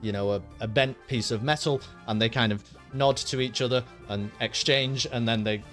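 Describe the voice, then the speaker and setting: A man's voice: medium pitch, normal speed, fairly bright tone, soft background music. A man narrating as game master of a tabletop game, rambling loosely with many ums and laughs.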